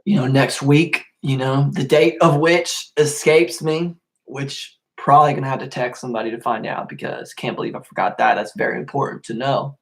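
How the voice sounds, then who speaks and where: A young man hosting a casual solo podcast, rambling and swearing a lot, getting worked up and then calming down. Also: medium pitch, moderate pace, gravelly, few pauses. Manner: rambling, profane, easily worked up. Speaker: podcast host.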